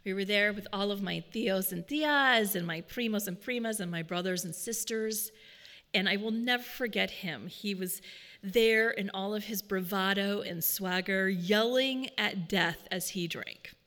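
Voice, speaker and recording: Bright-voiced woman giving an earnest talk. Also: mid-range voice, long reverb tail. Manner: storytelling, measured and earnest. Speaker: speaker. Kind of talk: prepared personal talk.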